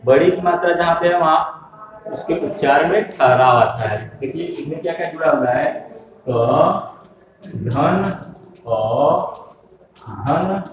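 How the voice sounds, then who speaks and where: A man's voice: on the high side, animated, takes it slowly, long pauses, lo-fi sound, noisy background. A man teaching a primary school Hindi lesson step by step, patiently spelling out letters and asking questions that he answers himself. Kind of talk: slow step-by-step classroom lesson. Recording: echoey room, voice from a distance.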